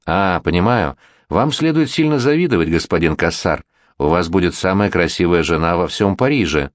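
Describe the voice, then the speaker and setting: A man's voice: sits low, lively intonation, normal speed, no echo, clean studio sound. A man voicing a worldly, flirtatious middle-aged prince regent in a gallant, insistent manner.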